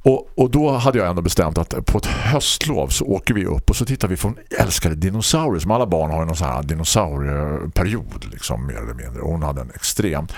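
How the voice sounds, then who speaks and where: A man hosting a casual chat, telling a story in a lively way and laughing often. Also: few pauses, no room sound. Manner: animated, laughing storyteller with big swings in pitch. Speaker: host.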